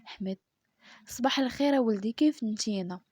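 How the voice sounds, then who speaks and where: A woman with a Moroccan accent voicing a kind older father gently asking after his daughter. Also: on the high side, a little fast, breathy edge, no echo, studio quality. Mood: gentle. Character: kindly older father-in-law.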